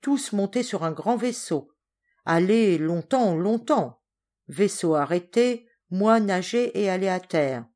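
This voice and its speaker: A woman doing a booming, hearty sailor man. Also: animated, slow pace, a little mellow. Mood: loud, storytelling. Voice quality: broken pidgin French, booming. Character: burly sailor man in his forties, hearty and blunt.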